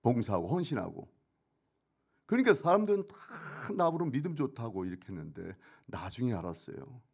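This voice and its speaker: A middle-aged man stands as a church elder and gives his testimony in a very lively, rising and falling voice. He jumps from loud, pressing bursts to hushed asides. He often asks a question and answers it himself. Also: mid-range voice, fairly quick, vocal fry. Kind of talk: testimony sermon.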